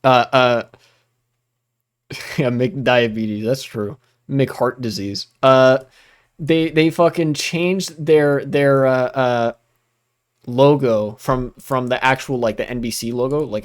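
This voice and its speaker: A young man hosting a casual livestream, reacting to what he reads on screen in a rambling, profane way, with many fillers and bursts of laughter. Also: medium pitch. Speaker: livestream host.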